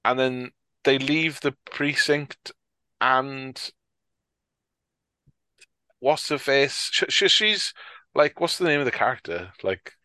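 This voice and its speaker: A man's voice: medium pitch, animated, takes it slowly, long pauses, bright, forceful tone, no room sound. A man, co-hosting a casual film discussion, who rambles, swears freely and often leaves sentences unfinished. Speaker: podcast co-host.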